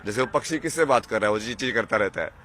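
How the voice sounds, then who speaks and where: A man's voice: on the low side, lively intonation, fast. A man talking in a rambling, musing way during an interview, dropping English words into his speech. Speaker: interviewee, spiritual seeker. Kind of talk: rambling casual conversation. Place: outdoors at a crowded religious gathering. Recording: loud crowd noise behind. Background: crowd chatter.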